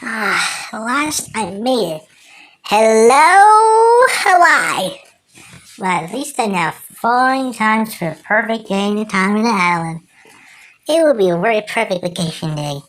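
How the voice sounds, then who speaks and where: An amateur performer voicing a cocky, excitable cartoon woodpecker who rambles and exclaims to himself. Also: mid-range voice, normal speed, lightly acted. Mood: pleased. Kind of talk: amateur cartoon character impression.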